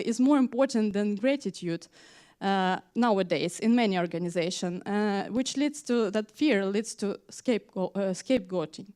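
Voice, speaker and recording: This is a conference talk by a woman from Ukraine who works as a tech manager; she speaks hesitantly, filling pauses with "uh" and using non-native grammar, in a conference hall. Her medium-pitched voice sounds darkish and clean.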